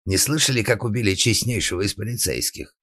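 A man voicing a suspicious, blustering male organ grinder who shouts accusations in an audiobook. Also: fairly low pitch, brisk, dry recording, pitched above the performer's own voice. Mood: angry. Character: drunken, suspicious, bullying middle-aged male organ grinder. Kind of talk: audiobook character acting.

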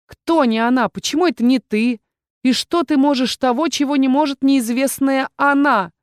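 A woman's voice: high voice, normal speed, no room sound, clean studio sound, pitched above the performer's own voice, natural voice. A woman doing a scolding young noble necromancer. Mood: suspicious. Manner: scolding, indignant, exclamatory. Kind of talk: audiobook character voice.

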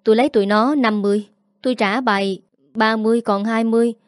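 A woman's voice: fairly high pitch, fairly even intonation, fast, no echo, studio quality, lightly acted. A woman voicing a sulky, evasive 22-year-old son in gambling debt.

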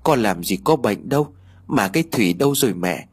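A man's voice: on the low side, lively intonation, a little fast, breathy edge. A male narrator voicing a grieving young woman who seems possessed, with desperate, pleading cries. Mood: confused.

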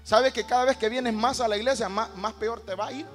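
A man's voice: very high voice, fairly even intonation, a little fast, fairly bright tone. A male pastor preaching a passionate sermon, calling out to his congregation in a large church auditorium. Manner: impassioned preaching, calls out to the congregation. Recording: reverberant church hall with music.

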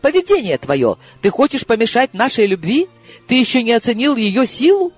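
A man's voice: extremely high pitch, sing-song, normal speed, husky, soft background music, pitched above the performer's own voice, full character voice. A male audiobook reader voicing an impatient, headstrong woman in love who speaks insistently. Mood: indignant. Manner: insistent, exclamatory. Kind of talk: audiobook character voice.

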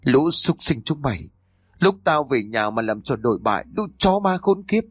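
A man's voice: mid-range voice, lively intonation, moderate pace, husky, dry recording, clean studio sound. A man voicing a furious, jealous middle-aged wife who shrieks curses in a spoken story. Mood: raging. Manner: shrieking, cursing rage.

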